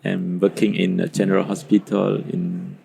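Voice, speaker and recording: Cambodian woman, super creaky low voice, flat, distant mic, noise behind. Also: moderate pace. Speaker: guest anesthesiologist. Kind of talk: conference interview.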